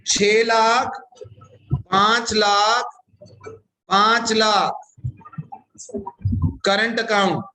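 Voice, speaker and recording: Teasing teacher in an echoey classroom. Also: male voice, high voice, little pitch movement, pushed and bright. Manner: teasing and scolding students in fast Hinglish. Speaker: accounting teacher. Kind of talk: live class teaching with quizzing.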